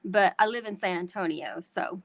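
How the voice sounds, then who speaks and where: A woman's voice: medium pitch, normal speed, a bit bright. A woman from North Texas with a Texan twang, hosting a chatty live craft tutorial and talking to her viewers as y'all. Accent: Texan Southern twang. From North Texas, USA. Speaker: host demonstrating card making.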